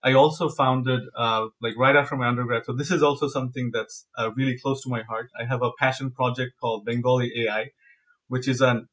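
Young male guest from Bangladesh, halting delivery, lots of "like" and "uh", mid-pitched. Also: steady tone, fairly bright tone. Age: young adult. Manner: hesitant, many fillers and restarts. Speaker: guest, PhD researcher. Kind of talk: casual interview talk.

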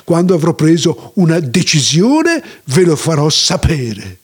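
A man's voice: on the high side, sing-song, a little slow, husky, exaggerated voice. A man voicing a pompous, self-important elder who is the nearsighted chief sage of his village, deliberating aloud in a grand way.

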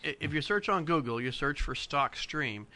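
A man's voice: fairly high pitch, animated, moderate pace, sharp tone. A man who is a tech expert guest on a radio talk show, explaining gadgets with enthusiasm. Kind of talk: casual studio chat.

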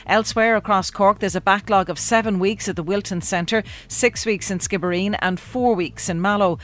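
Irish woman newsreader, steady clear bulletin read, mid-pitched voice. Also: normal speed. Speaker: news presenter. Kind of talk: scripted news reading.

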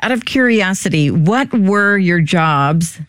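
Clear, smooth female interviewer, dry sound. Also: mid-range voice, expressive, takes it slowly, a bit bright, no echo. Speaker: interview host. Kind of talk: casual conversational interviewing.

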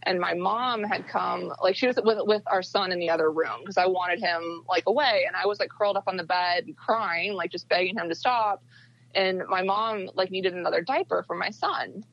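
A woman's voice: on the low side, moderate pace, vocal fry, highs cut off. A young woman telling a personal story in casual chat, with quoted dialogue and plenty of fillers. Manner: tells events with quoted dialogue, many fillers. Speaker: podcast guest.

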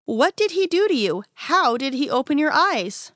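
A woman's voice: sits high, very animated, moderate pace, fairly bright tone, no room sound, studio quality, voice pushed up. A woman reading as stern accusing elders. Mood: questioning. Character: stern, suspicious religious leaders, grown men. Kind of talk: storybook character reading.

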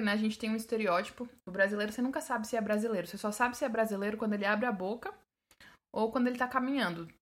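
A Brazilian woman with a mixed São Paulo, Sergipe and Minas accent, giving a casual English-teaching talk full of restarts and fillers. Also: medium pitch. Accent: Brazilian Portuguese, mixed São Paulo, Sergipe and Minas.

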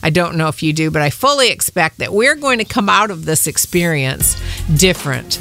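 A woman's voice: fairly low pitch, sing-song, normal speed, a bit bright, no echo, soft background music. A middle-aged woman hosting a podcast, giving an upbeat, encouraging motivational talk straight to her listeners. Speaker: podcast host.

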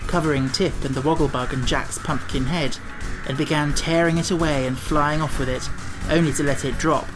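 A woman narrating a children's fantasy audiobook in a measured, even reading. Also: low-pitched, music in the background. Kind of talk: scripted storybook narration.

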